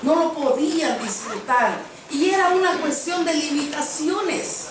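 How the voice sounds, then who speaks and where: Recorded from a distance in a very echoey church sanctuary, a woman preacher gives an earnest sermon, sharing a personal story and repeating phrases for emphasis. Her voice sits high and moves a little slowly against a noisy background.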